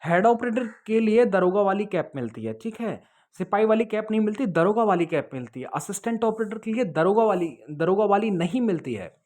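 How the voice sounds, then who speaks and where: Speaking fairly quickly in a high-pitched, expressive and slightly mellow voice, a host answers viewers' questions about police jobs to camera. His manner is casual, conversational and advising, and he keeps checking in with "okay?" and "understood?".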